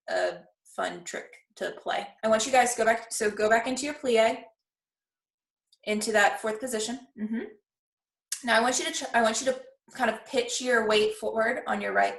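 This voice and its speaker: A woman's voice: fairly high pitch, vocal fry, a bit bright. A woman speaking as a ballet master, teaching a class with encouraging corrections and counted-out steps. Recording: echoey room, distant from the mic.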